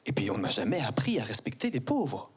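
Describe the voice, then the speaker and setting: A man's voice: mid-range voice, huge pitch swings, quick pace, slightly rough. Sarcastic Belgian man doing stand-up. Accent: Belgian French. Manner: ironic, mock-posh, sarcastic delivery. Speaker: stand-up comedian. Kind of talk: stand-up comedy set. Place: theater stage before a live audience.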